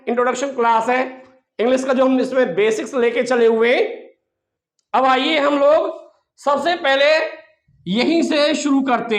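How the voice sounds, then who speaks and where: A man's voice: very high voice, echoey room. A male English teacher giving a classroom pronunciation lesson, asking rhetorical questions and repeating each sound as a drill.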